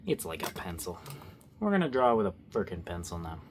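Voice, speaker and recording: A man's voice: sits low, big pitch swings, brisk, a little hiss or hum. A young man giving casual, rambling commentary while he draws, joking and poking fun at himself. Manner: rambling, self-mocking and goofy. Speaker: art vlogger.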